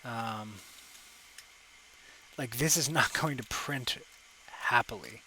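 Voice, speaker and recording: Talking into a desk microphone, a young man walks viewers through his sculpting work on a live stream, his mid-range voice bright and forward but slow. The low-quality recording carries a faint room hum, and his commentary wanders, full of fillers, ums, and self-corrections as he narrates every step.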